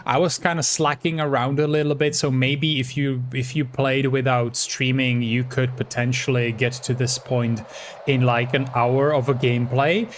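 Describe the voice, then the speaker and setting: Czech guy streaming a game, talks english w/ czech accent, chatty, laughs a lot, normal pitch voice. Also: flat delivery, moderate pace, a little hiss or hum. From Czech Republic. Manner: chatty and playful, often laughing. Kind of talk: live-streamed gameplay commentary.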